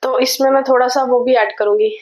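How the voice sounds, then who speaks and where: High-voiced chatty woman cooking at home. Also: steady tone, background noise. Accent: Jammu. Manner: chatty, devotional asides, mixes English words into Hindi; tries to speak slowly and softly. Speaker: vlogger. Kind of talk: casual cooking vlog talk to camera. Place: home kitchen.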